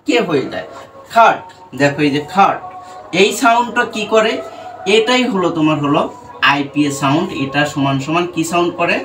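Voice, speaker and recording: A man's voice: on the high side, fairly bright tone. A man teaching English pronunciation to students in a lesson, who keeps asking questions and answering them himself. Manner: asks questions and answers them himself, repeats "right?" and "dekho". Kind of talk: classroom-style lesson addressing students. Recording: faint background noise, a bit distant from the mic.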